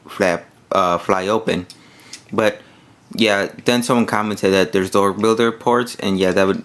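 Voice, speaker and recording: A man's voice: low voice, fairly bright tone. A man giving a casual, hands-on toy review, rambling with many fillers while he demonstrates the pieces.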